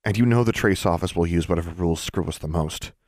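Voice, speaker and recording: A man's voice: low voice, fast, a little mellow, no room sound, clean studio sound. A man voicing a blunt, matter-of-fact teenage witch girl in an audiobook.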